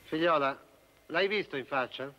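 An actor playing a dignified male cardinal who speaks in a slow, measured way, in a film comedy. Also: fairly high pitch, bright, forceful tone. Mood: solemn.

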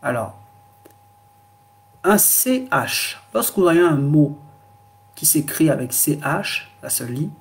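Slow, gravelly man teaching a lesson. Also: a little high, expressive. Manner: slow, repetitive explaining with frequent fillers. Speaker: language teacher. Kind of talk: classroom lesson on pronunciation.

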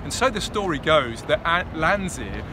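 A man's voice: a little high, sing-song, normal speed. Man guiding a city walking tour outdoors. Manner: informative, storytelling, gestures while explaining. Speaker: architecture walking tour guide. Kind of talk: outdoor guided tour narration. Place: busy city square outdoors. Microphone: handheld camera at close range. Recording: outdoor street with traffic noise.

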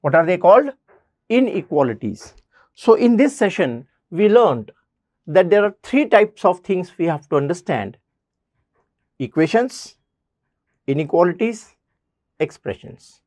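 Lively math teacher. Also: male voice, high-pitched, measured pace, long pauses, no echo, clean studio sound. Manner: repeats key points, addresses students directly. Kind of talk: classroom math lesson.

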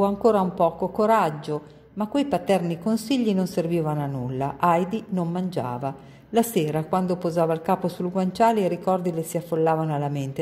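Low, mellow woman reading aloud. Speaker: reader at a library. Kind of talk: reading a children's novel aloud.

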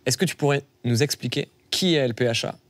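Male interviewer, mid-pitched, quick delivery, dry close sound. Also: no echo. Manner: eager, sets up anecdotes for the guest. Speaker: interviewer, journalist. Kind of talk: casual interview questions.

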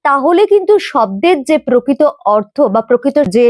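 A woman's voice: high-pitched, lively intonation, normal speed, darkish tone, no room sound, clean studio sound. A woman teaching a pronunciation lesson, explaining patiently, spelling out letters and repeating example words.

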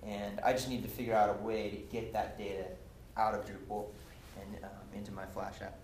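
This young presenter's voice is on the low side and darkish, his delivery flat and a little fast. He's explaining things casually at a technical meetup with lots of ums and restarts, recorded by a far camera in an echoey lecture room with faint hiss.

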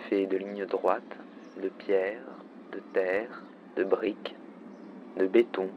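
A man reading scripted poetic narration for an audio guide, with measured, deliberate phrasing. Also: sits low, fairly even intonation, a little hiss or hum. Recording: dull muffled sound with music.

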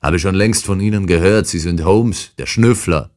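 A man voicing a huge, brutal older man in an audiobook, talking in a rude, shouting, insolent way. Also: sits low, normal speed, pitched above the performer's own voice, close to an everyday voice. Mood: insolent, angry. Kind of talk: audiobook character reading.

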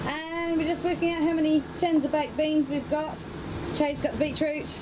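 A woman's voice: high voice, flat delivery, moderate pace, noisy background. A woman in her forties, a sailing vlogger, talking frankly and chattily outdoors at a boatyard. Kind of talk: casual vlog chat.

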